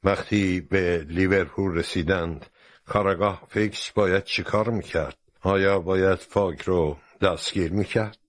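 A man narrating a storybook in a steady, expressive reading voice. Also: sits low, no room sound.

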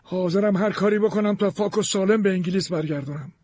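A man voicing an excitable male detective, talking fast and forcefully in a storybook reading. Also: high-pitched, slight background noise, voice pushed up, lightly acted. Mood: eager.

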